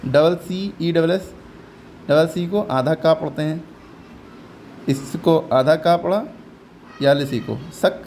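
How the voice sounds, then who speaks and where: A man's voice: fairly high pitch, takes it slowly, long pauses, darkish tone, slight background noise. A man teaching English reading, patiently repeating each sound and quizzing his learner step by step. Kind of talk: step-by-step phonics lesson.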